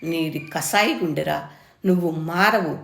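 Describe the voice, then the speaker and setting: Fierce elderly grandmother, voiced by a woman storyteller, firm and impassioned, low voice in a roomy space. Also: measured pace, creaky. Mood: furious. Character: stern, fierce old grandmother defending her garden. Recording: roomy echo.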